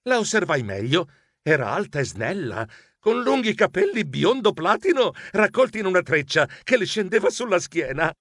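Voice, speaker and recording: A man's voice: high-pitched, big pitch swings, moderate pace, a bit bright, no room sound, clean studio sound. A man narrating a children's story in first person as an anxious, clumsy male mouse, stammering and melodramatic. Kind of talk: expressive audiobook narration.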